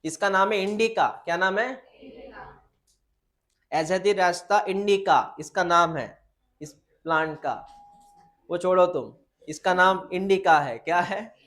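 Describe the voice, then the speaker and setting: High-voiced biology teacher lecturing students. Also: male voice, a bit bright. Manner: informal, addresses students as beta, asks and answers own questions; reads textbook lines slowly in English. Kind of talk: classroom lecture.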